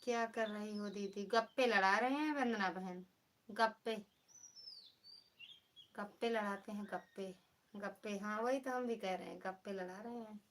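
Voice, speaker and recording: A woman's voice: medium pitch, a little slow, long pauses, a little hiss or hum. A woman with an Awadhi accent, hosting a casual live stream and chatting teasingly with her viewers. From Pratapgarh, Uttar Pradesh.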